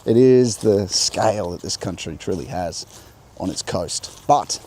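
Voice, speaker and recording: Slow, low-voiced man outdoors. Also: a little hiss or hum. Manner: slow, meditative, with soft laughs. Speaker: host. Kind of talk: reflective spiritual vlog monologue. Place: outdoors in a coastal national park. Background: crickets and insects.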